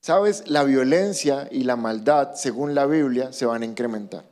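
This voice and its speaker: A man preaching a sermon as pastor, animated and acting out quoted voices. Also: medium pitch, unhurried.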